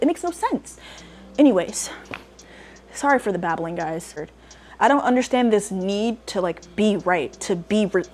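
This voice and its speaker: A young woman giving casual online commentary, exasperated and emphatic, with lots of "like" fillers. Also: on the high side. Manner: exasperated, emphatic ranting with frequent "like". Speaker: social media commentator.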